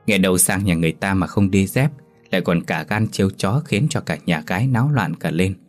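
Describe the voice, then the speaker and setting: A man narrating a folk ghost tale in a steady storytelling manner. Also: low voice.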